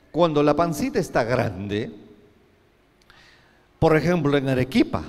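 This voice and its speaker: Male pastor, mid-pitched, storytelling sermon, long church reverb. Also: darkish tone. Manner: storytelling, acting out quoted voices, many restarts.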